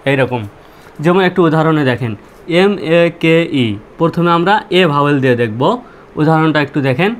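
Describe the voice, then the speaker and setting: A male teacher explains pronunciation rules step by step. He repeats himself and asks questions, then answers them himself. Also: fairly high pitch. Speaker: English teacher. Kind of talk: spoken language lesson.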